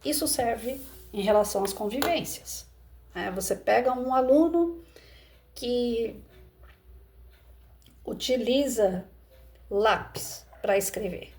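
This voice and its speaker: Brazilian woman teacher, warm low-key tone, chatty and explanatory. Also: lively intonation, slow, pauses often. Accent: Brazilian Portuguese. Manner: conversational, explains with rhetorical questions. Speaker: educator. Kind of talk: reflective commentary on a parable.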